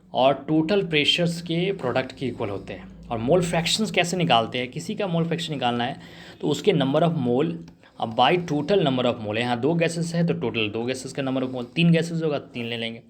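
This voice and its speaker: Male tutor, mid pitch, quizzing tone, light background hiss. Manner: explains step by step, asks the class rhetorical questions. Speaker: chemistry teacher. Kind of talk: revision lesson in Hindi-English mix.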